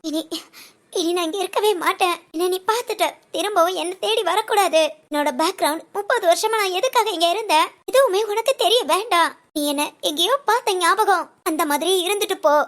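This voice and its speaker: Woman reading older ashram woman, heartbroken, reproachful; high-pitched. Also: fairly quick, a bit bright. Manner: tearful, aching, reproachful. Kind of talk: audio story monologue.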